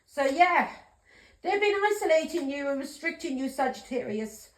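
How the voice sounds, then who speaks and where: A woman's voice: high-pitched, lively intonation, normal speed, echoey room, rough recording. A middle-aged woman giving a tarot reading, talking bluntly and heatedly, swearing and often asking "yeah?". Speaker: tarot reader. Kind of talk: emotional tarot reading monologue.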